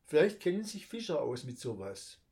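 A man's voice: on the high side, very animated, moderate pace, vocal fry, dark tone, pitched above the performer's own voice. A man doing a grumpy young boy. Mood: worried. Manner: grumbling, complaining.

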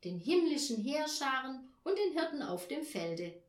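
Storybook mother, cheerful and lively, slightly high, roomy sound, read by a woman. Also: a little slow.

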